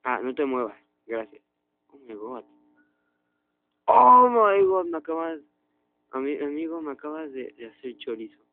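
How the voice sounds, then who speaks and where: A young man doing excitable let's-play commentary, often bursting into loud, high exclamations. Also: a little slow, long pauses. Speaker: gaming youtuber. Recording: tinny lo-fi phone-like audio.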